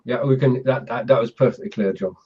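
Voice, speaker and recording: A man hosting a casual online chat show, explaining things in a halting, measured way. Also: medium pitch, slightly rough. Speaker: host. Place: group video call. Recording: dull, lo-fi video call audio.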